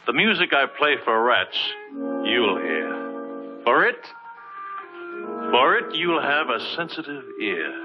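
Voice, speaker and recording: Sly piper, very lively intonation. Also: male voice, medium pitch, slow, pauses often. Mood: coolly teasing. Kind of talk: 1950s film acting. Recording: dull 1950s film soundtrack with music.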